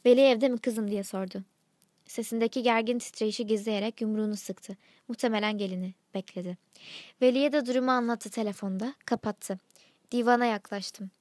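A woman's voice: a little high, fairly even intonation, brisk, darkish tone, no echo, studio quality, lightly acted. A woman voicing an elderly village woman, worried and plain-spoken, with terse, simple speech. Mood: anxious.

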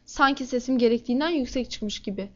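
High-voiced woman reading a novel aloud. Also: fast talker, a bit bright, dull audio. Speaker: audiobook narrator. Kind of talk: first-person novel reading.

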